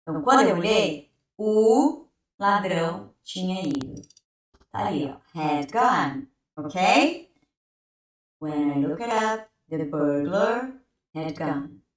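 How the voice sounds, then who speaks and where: Slow, deliberate woman teacher in an echoey room. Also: on the low side, lively intonation. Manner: explains step by step, asks and answers her own questions; reads example sentences slowly. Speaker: English teacher. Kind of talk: classroom grammar lesson. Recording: very echoey room, heard from a distance.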